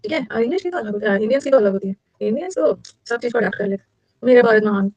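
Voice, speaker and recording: Indian woman, exam tutor, brisk and chatty, dry muffled mic. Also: on the high side, lively intonation, creaky, darkish tone, no room sound. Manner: fast, chatty, switches between Hindi and English. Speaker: English teacher for competitive exams. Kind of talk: live online class.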